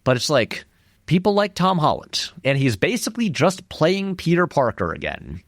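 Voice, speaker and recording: A man with a fairly high voice talks at a normal speed in a dry, studio-quality recording. He's a film video essayist appearing as an interview guest, giving casual, conversational commentary. He's animated and acts out short quotes in passing, and his speech is full of filler words, frequent "like," and restarts.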